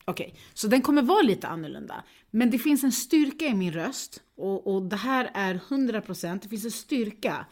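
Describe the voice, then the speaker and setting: A woman's voice: mid-range voice, animated, a little mellow. A woman co-hosting a podcast in casual chat, playful and joking, laughing often and acting out the exchanges she retells. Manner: acts out quoted exchanges. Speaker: podcast co-host.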